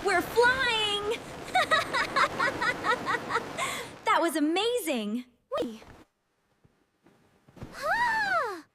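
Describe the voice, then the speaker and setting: Super squeaky winged cartoon critter done by a woman, slow drawn-out yelps, loud noise behind. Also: very animated, full character voice. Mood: excited. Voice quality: squeaky, shrill. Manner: exclaiming, reads sound effects aloud. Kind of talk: cartoon dialogue.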